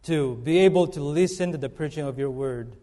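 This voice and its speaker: A guest preacher from the Philippines delivers a sermon in a church sanctuary, the hall's long reverb trailing his words. His male voice is a little high and mellow, and his earnest delivery halts with fillers and restarts.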